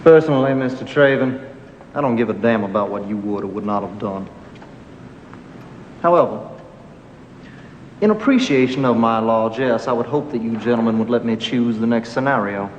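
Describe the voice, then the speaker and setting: Guy doing a snooty southern rich-man villain, drawly lawyer talk, dull echoey movie audio with a low hum. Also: lively intonation, moderate pace, long pauses, natural voice. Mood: haughty. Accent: American Southern, put on. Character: smug wealthy Southern gentleman villain, man. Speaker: film character in a clip.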